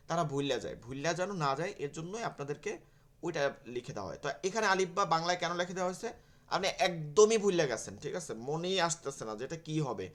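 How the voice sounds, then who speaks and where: A man's voice: fairly high pitch, fairly bright tone. A man teaching an online Quran class, explaining step by step, repeating key terms and asking and answering his own questions.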